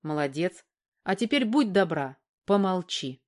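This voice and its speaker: A woman's voice: lowish voice, very animated, unhurried. Woman doing a curt, dry-spoken man. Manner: dry, terse.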